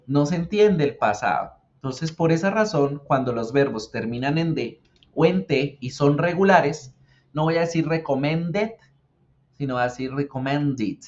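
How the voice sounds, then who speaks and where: A man teaching English pronunciation as a patient teacher who repeats words slowly for the learner. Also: a little high, animated, a little mellow. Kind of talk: explaining English grammar and pronunciation. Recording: dull lo-fi sound.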